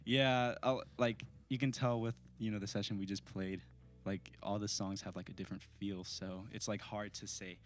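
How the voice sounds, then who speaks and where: With soft music playing behind him, a teenage singer-guitarist from California's East Bay talks at normal speed in a lowish voice. The interview chat is casual, and he rambles easily, using many fillers.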